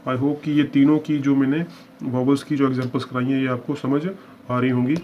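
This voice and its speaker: Man teaching a slow, patient lesson. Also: medium pitch, level tone, darkish tone. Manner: explains patiently, often checks understanding. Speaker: shorthand teacher. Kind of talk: step-by-step lesson. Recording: dull lo-fi with faint hiss.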